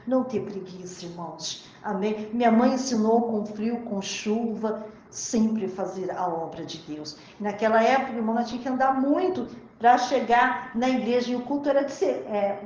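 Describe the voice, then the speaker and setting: A woman preacher with a mid-range, darkish voice gives an emotional sermon built on personal testimony, repeatedly calling out to the brothers and sisters. The recording is echoey, muffled and slightly noisy.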